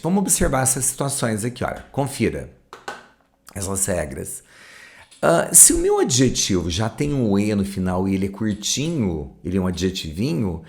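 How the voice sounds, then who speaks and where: A man teaching an English grammar lesson, explaining each rule step by step, calling his viewers "gente" and reading example sentences slowly. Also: lowish voice, gravelly.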